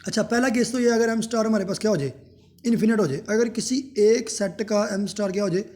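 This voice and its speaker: Guy teaching a math class, kinda high voice but mellow, asks stuff then answers it himself. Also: fast. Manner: poses questions and answers them himself. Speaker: math lecturer. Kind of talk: classroom lecture.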